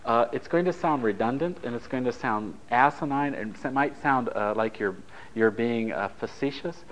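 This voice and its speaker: A man from Italy, Japanese being his first language, leads a recorded relationship workshop at normal speed in a mid-range voice. The recording quality is low, and his style is chatty and story-driven as he jokes with the group.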